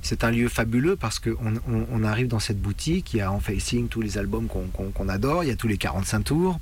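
Loud music plays behind this middle-aged Frenchman, a punk musician being interviewed for a documentary as he looks back on the past. His fairly low voice is expressive, with slight background noise, and he speaks haltingly, repeating himself while hunting for words.

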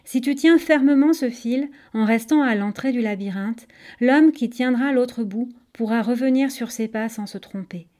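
A woman voicing a fearful, guilt-ridden old male architect in a storybook reading, speaking in a hushed, anxious way. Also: fairly high pitch, moderate pace, lightly acted.

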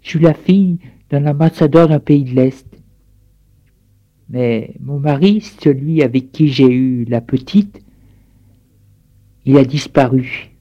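A man voicing a young mother who speaks softly and somberly about her past. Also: mid-range voice, slow pace, long pauses, dull audio, natural voice. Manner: soft, subdued.

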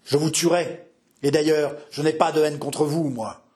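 A man's voice: a little high, fairly even intonation, moderate pace, a little mellow, natural voice. A man voicing a wild, bitter young nobleman who speaks in a frantic, intense way. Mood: frenzied.

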